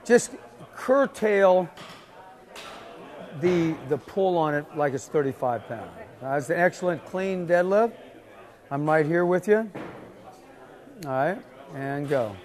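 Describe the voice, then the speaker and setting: Insistent man coaching lifts, higher voice. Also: expressive, slow pace, pauses often, a little mellow. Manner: insistent, repeating cues, short commands. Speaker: weightlifting coach. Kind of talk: live coaching instruction.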